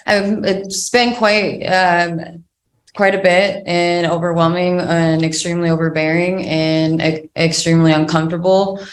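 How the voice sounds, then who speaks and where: A woman answering a judge as a defendant, hesitant and halting, somewhat defensive. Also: low voice. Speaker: defendant in court. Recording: echoey courtroom.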